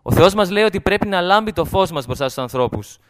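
A man's voice: high voice, animated. A man speaking in church, closing an earnest exhortation that lists places in repeated phrases. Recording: long hall reverb.

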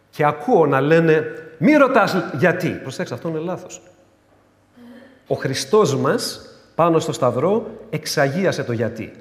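Older man, preacher, emphatic sermon delivery, raised voice, echoey church hall with a long reverb. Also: fairly high pitch. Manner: emphatic, swings from loud urging to quiet.

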